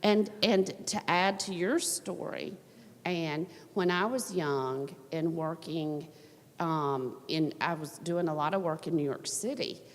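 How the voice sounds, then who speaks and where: A woman's voice: low-pitched, slow pace. Southern woman presenting in an echoey hall. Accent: Southern American. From Southern United States. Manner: chatty, frequent "you know" fillers. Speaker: workshop presenter. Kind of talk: workshop presentation.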